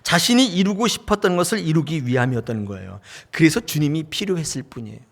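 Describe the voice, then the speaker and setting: A man's voice: on the high side, big pitch swings, fast talker, creaky. A man preaching a sermon as pastor, talking in a conversational way, asking the congregation questions and acting out short dialogues. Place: church sanctuary.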